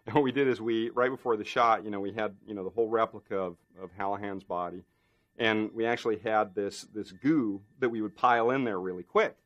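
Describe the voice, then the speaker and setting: A man's voice: on the low side, fairly quick, a bit bright, muffled recording. Man telling a rambling effects anecdote. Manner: rambling, many fillers and restarts. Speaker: special effects artist. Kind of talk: documentary interview anecdote.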